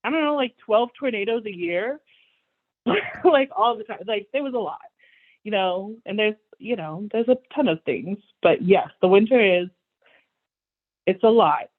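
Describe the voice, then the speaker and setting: A woman chats openly in a panel conversation, laughing easily as she gives frank, practical tips. Her voice sits at an ordinary pitch for a woman. It comes through a tinny, phone-like line. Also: lively intonation, measured pace. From Texas, USA. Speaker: theater apprentice. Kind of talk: casual panel chat.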